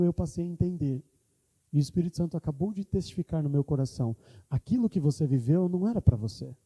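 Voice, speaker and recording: A man's voice: a little high, mellow, slightly rough. A man preaching a sermon as pastor, with impassioned delivery, quoting prayers aloud. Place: church hall. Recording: church hall reverb.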